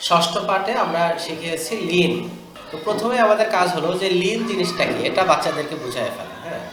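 A man teaching teachers how to read the Quran to children, drilling syllables in a slow sing-song chant between brisk explanations. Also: sits high, expressive, very echoey.

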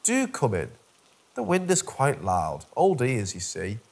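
A man voicing a polite, old-fashioned elderly male farmer who is secretly a monster, with a husky voice. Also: mid-range voice, wildly swooping pitch, a little slow, heavily acted. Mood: courteous. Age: older.

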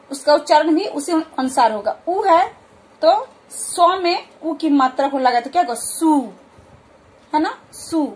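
High-voiced woman teaching letters. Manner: patient, repeats words slowly for practice. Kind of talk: explaining a Hindi alphabet lesson.

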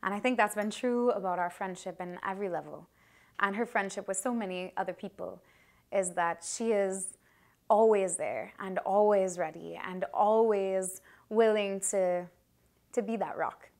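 A woman in her thirties, the maid of honor, giving a heartfelt wedding toast into a handheld microphone in a reception hall, pausing and restarting as she speaks. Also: medium pitch, darkish tone. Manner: heartfelt, earnest, with many restarts and pauses.

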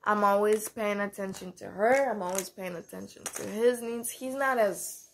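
A young woman vlogging about motherhood in a casual, candid way, with many fillers and pauses. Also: mid-range voice, slight background noise. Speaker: mom vlogger. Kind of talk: casual vlog talk.

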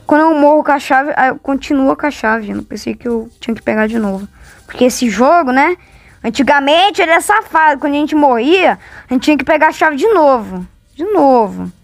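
High-pitched Brazilian woman gaming. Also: animated, moderate pace, vocal fry, no room sound, soft background music. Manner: exclamatory, complaining. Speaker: gamer. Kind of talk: casual gameplay commentary.

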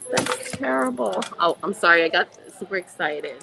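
A woman in her fifties hosting a chatty live shopping stream from inside a store, gushing and excitable, laughing often and greeting viewers by name. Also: lowish voice, normal speed, gravelly, background noise. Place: indoor retail shop.

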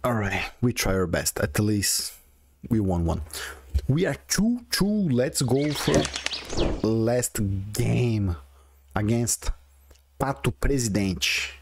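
Against a noisy background, a medium-pitched, gravelly male voice swings widely in pitch, taking it slowly with long pauses. The speaker is a gaming video creator in his forties with a strong Brazilian Portuguese accent, offering casual commentary on his own card game as he chats and thinks aloud.

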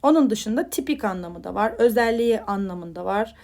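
In an informal vocabulary lesson for Turkish learners, a woman of medium pitch speaks at normal speed with lively intonation. Each English headword gets a lift before a quieter explanation, and she keeps asking "tamam mı?".

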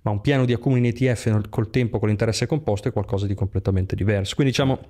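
Animated Italian man talking money. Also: on the low side, rapid-fire. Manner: animated storyteller, acts out quotes. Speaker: guest, online entrepreneur. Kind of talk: casual podcast conversation.

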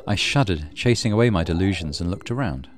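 Soft music plays behind this let's play, where a gaming channel host reads a horror visual novel aloud. His low voice is animated and brisk as he tells the story dramatically and mutters asides.

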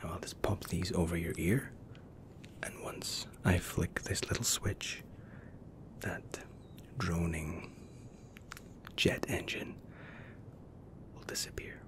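Man acting as flight attendant, whispered role-play, thirties, deep hushed voice, slow, attentive, soothing, formal service patter. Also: steady tone. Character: attentive, reassuring male first-class flight attendant.

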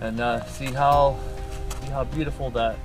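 A man's voice: mid-range voice, steady tone, a little slow. A tired middle-aged man chatting casually on a hike. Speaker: hiking companion. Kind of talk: casual chat. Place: outdoors on a desert trail. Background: loud music.

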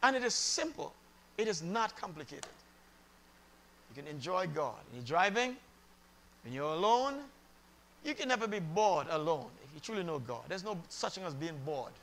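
A man's voice: a little high, very animated, moderate pace, pauses often, a bit bright. A man preaching a sermon in a conversational way, repeating phrases and laughing often.

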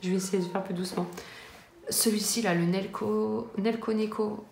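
A woman in her thirties chats about her coloring books at home. She talks casually, with frequent fillers and restarts, at a middling pitch. The room echoes around her, with a faint hiss underneath. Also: fairly even intonation, normal speed, gravelly, darkish tone. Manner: chatty, hesitant, many fillers and restarts. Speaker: coloring-book vlogger. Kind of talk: casual chat showing her book collection.

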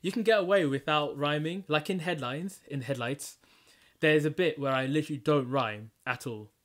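A man's voice: normal speed, fairly bright tone. Laid-back man explaining his rap songs. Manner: low-key, reflective explaining with frequent restarts. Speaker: podcast host presenting his own rap songs. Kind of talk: casual podcast chat.

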